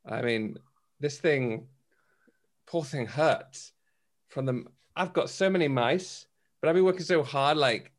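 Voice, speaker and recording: A man's voice: mid-range voice, a little slow, pauses often. A man, chatting on a video call from his home office, chatty and self-mocking. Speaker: freelancer on a community call. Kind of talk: casual chat.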